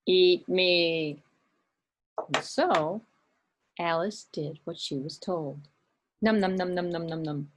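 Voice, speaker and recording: Using puppets, a woman who works as a children's librarian tells a story to kids in a lowish, husky voice, slowly and expressively, with plenty of animation.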